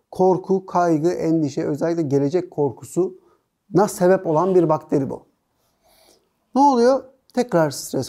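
A man's voice: high voice, mellow. A man as a guest on a talk show, explaining nutrition methodically in casual conversation.

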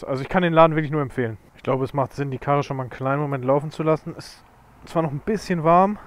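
A young man filming a casual vlog, joking around in loose slang with a friend. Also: on the high side. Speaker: vlogger, Harley employee. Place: dim diner, later outdoors at night. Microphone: action camera on table, then helmet. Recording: music in the background.

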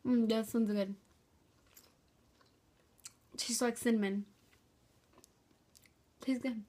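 Young woman vlogger with highish voice. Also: steady tone, very slow, dark tone. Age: young adult. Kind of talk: casual chat to camera. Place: bedroom, indoors. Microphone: phone or laptop at arm's length.

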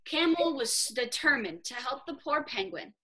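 A woman teacher reads a children's picture story aloud over a video call. Her voice is high and bright, and she colours every sentence for young listeners. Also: moderate pace, rough recording. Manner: expressive, animated reading. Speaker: theatre teacher.

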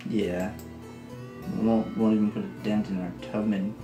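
A man's voice: on the low side, normal speed. A man joking and laughing as he comments casually on a game with a friend. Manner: joking, lively, laughs often. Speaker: let's play co-host. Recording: echoey room, faint game music.

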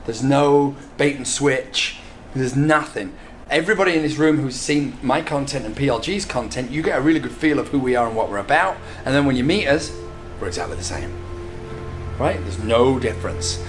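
A man's voice: mid-range voice, normal speed. A middle-aged man hosting a vlog and running a seminar, talking enthusiastically and repeating words for punch. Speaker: vlog host and real estate agent. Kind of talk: energetic vlog and seminar talk. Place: car, office and seminar room. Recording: music playing underneath.

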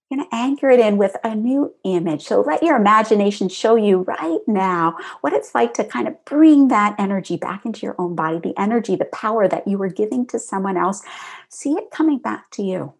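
Breathy, calm female guide for a tapping exercise; soothing, mid-pitched, middle-aged. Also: moderate pace. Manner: calm, soothing guidance with spoken affirmations. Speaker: tapping practitioner guiding a session.

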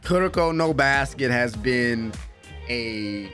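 Speaking at medium pitch, a young adult American anime reaction host sounds expressive and a bit bright, taking things slowly over faint background music. His commentary is casual, emphatic and full of slang, captured close on a desk mic in a small home room while he wears a headset.

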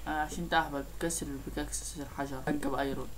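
A man's voice: on the high side, flat delivery, racing, a bit bright. A young man playing a game alongside a friend, giving blunt, bossy short remarks. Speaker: co-player. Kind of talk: casual gaming chat.

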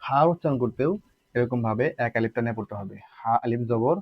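A fast-talking man with a mid-range voice teaches Arabic letters as a Quran recitation teacher, patiently repeating points, asking rhetorical questions and elongating sounds to show them. The recording is dry, with the highs cut off.

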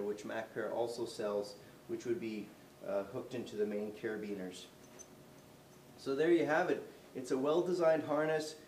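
Moving through a medium-sized indoor showroom, a forties-aged man with a slightly mellow, medium-pitched voice casually demonstrates a product's features, restarting and using fillers. The sound comes from a camera mic at a distance, with roomy echo and a faint hiss.

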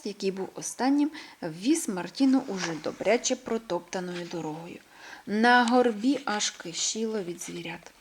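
Woman gently reading a children's tale. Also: a little high. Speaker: storyteller.

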